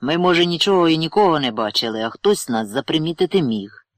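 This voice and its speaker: A man's voice: fairly high pitch, expressive, quick pace, no room sound, pitched above the performer's own voice, close to an everyday voice. Guy doing scared superstitious village lad, anxious hissing pleas, dry close sound. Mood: fearful. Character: frightened young lad, uneasy and superstitious.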